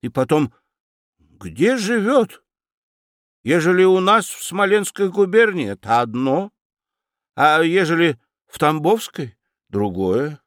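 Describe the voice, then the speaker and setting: A man's voice: a little high, very animated, takes it slowly, long pauses, fairly bright tone, dry recording, studio quality, voice pushed up, heavily acted. A man voicing a plain-spoken, practical old aunt with a folksy, soothing manner. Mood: puzzled.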